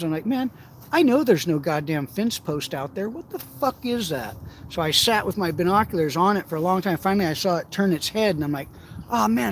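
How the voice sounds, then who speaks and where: Middle-aged guy rambling and cussing through fishing stories outside, kinda high voice, light background hiss. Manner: profane, rambling anecdotes with frequent laughs. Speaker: outdoors vlogger. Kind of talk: casual storytelling while shore fishing. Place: outdoors by the water.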